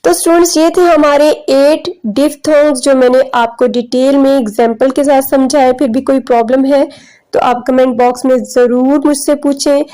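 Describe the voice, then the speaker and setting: A woman English teacher giving a pronunciation lesson, slowly drawing out example words and speaking straight to her students. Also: sits high, fairly even intonation, warm tone, rough recording. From Pakistan. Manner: mixes Hindi-Urdu with English, addresses students directly. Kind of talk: classroom lesson explaining pronunciation.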